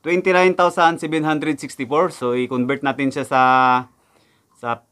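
A man's voice: on the high side, normal speed, a bit bright. A young man from the Philippines, a factory worker abroad, vlogging casually about his wages indoors, talking to viewers in a chatty way and repeating his figures. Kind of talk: casual explainer vlog. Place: indoors in front of a backdrop.

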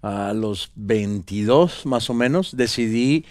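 A Venezuelan man in his thirties, a guest on a studio talk show, speaking casually into a headset mic. He rambles in a relaxed way, often trailing into fillers and restarting his sentences. The sound is dry and close. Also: lowish voice, slow, no echo. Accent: Venezuelan Spanish. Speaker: guest actor. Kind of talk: casual interview chat. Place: pink-decorated talk show studio set. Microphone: small headset mic.

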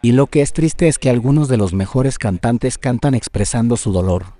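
A man's voice: mid-range voice, expressive, moderate pace, mellow, faint music behind. A man speaking as a talent show judge, asking short direct questions in a dubbed studio voice. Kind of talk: dubbed television talk.

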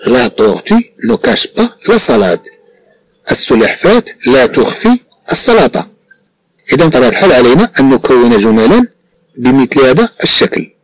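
A man from Morocco with a Moroccan Arabic accent teaches a French lesson, reading phrases slowly and explaining briskly in Arabic. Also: mid-range voice, sing-song, slight background noise, low-quality recording.

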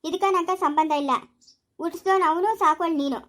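A woman's voice: very high-pitched, fairly quick, a bit bright. A woman with a rural Chikkaballapur Kannada accent playing a stern mother who runs a small village shop, talking in a blunt, scolding way in an amateur family skit. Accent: rural Kannada of the Chikkaballapur area.

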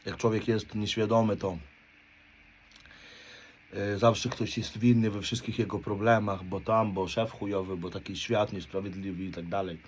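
Speaking at a moderate pace with a fairly low, steady tone, a man in his thirties from Poland gives a blunt confessional monologue as a motivational speaker, with a little hiss or hum in the audio. He swears constantly, leans on street slang, and often ends his points by asking "right?".

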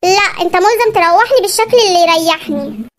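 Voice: lively intonation, quick pace. A performer voicing a bossy, demanding young woman in an Egyptian cartoon sketch, speaking with an Egyptian accent in a nagging, stubborn way. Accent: Egyptian Arabic. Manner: nagging, stubborn, shrill when pleading. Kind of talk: animated comedy sketch.

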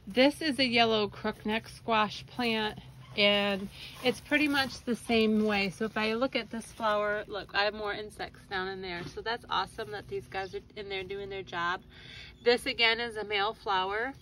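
Outdoors with a phone at arm's length, a woman in her thirties who runs a gardening channel explains things in a chatty, friendly manner. Allergies have made her nasal and congested. She talks at normal speed in a mid-range, fairly bright voice with fairly even intonation, and the rough recording carries a little hiss or hum.

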